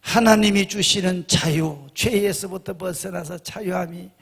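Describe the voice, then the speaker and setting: A man's voice: high-pitched, unhurried, creaky, fairly bright tone, slightly rough. A middle-aged male pastor preaching a sermon, emphatic, often firing rhetorical questions at the congregation.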